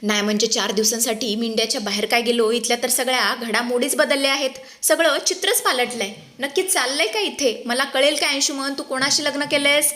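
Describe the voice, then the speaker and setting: A woman's voice: high-pitched, brisk, hardly any pauses, pushed and bright. A woman voicing a young man who heads the family, firing off indignant, demanding questions.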